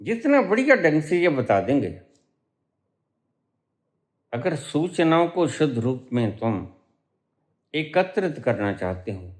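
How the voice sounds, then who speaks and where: A middle-aged male spiritual teacher delivering a discourse at an unhurried pace. His pitch swings widely as he leans on key words, pauses for effect, then lifts his voice to drive a point home. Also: darkish tone. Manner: slow, emphatic preaching with dramatic pauses and rising stresses.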